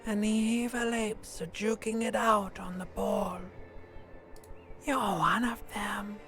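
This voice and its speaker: A woman playing a sardonic, self-disgusted inner voice in a video game, taunting in a breathy near-whisper. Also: mid-range voice, fairly even intonation, takes it slowly, fairly bright tone, faint music behind. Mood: eerie, sardonic.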